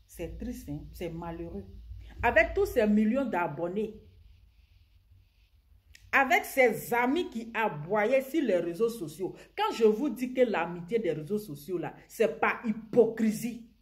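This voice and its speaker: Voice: medium pitch, a little mellow. A commentator, scolding listeners in an impassioned vlog rant and often stammering over repeated words. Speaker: social media commentator.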